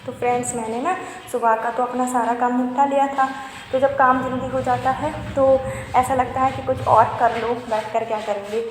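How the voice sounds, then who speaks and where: A woman's voice: fairly high pitch, steady tone, moderate pace. A young woman vlogging casually about her home from the rooftop on a handheld phone, rambling and chatty with many fillers. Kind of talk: casual home vlog chat. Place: rooftop of a house, outdoors. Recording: noisy outdoor recording.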